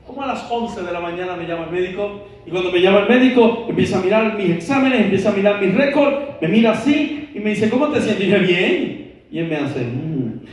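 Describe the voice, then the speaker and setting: Predicador de voz aguda en sala resonante. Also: male voice, high voice, expressive, quick pace. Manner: storytelling, acts out quoted voices. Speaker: preacher. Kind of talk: sermon testimony. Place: church hall. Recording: echoey hall, mic far off.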